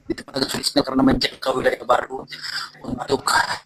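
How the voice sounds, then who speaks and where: A man speaks over a remote call line that keeps breaking up, the choppy connection cutting through his words. His voice is bright and forceful, and he talks in halting, restarting phrases against a faint hiss. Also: medium pitch, monotone. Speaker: pastor. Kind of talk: joining a live online debate by call. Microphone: remote call microphone.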